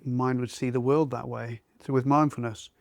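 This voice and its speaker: A man who teaches mindfulness, talking it through in a relaxed conversation and feeling his way toward each idea. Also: mid-range voice, normal speed, creaky, dry recording, clean studio sound. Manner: thoughtful, searching for words. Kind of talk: conversational discussion.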